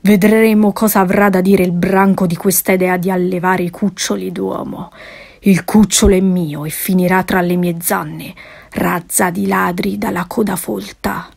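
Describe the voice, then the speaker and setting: A woman voicing a menacing male tiger, slow and low with a growl in her voice. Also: fairly even intonation, vocal fry, darkish tone, breathy edge. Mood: threatening.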